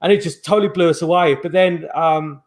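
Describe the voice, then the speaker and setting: Speaking briskly in a fairly high male voice, a middle-aged guest paranormal investigator tells rambling stories packed with fillers and false starts. The audio comes through a video call microphone.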